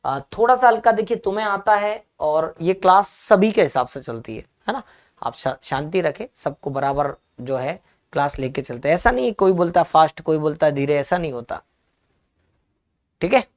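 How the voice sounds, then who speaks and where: A male teacher leads a live online grammar lesson. He breaks off to reassure students who write in the chat. He then dictates definitions slowly and repeats them phrase by phrase. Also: a little high, animated. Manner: answers chat comments, reassuring.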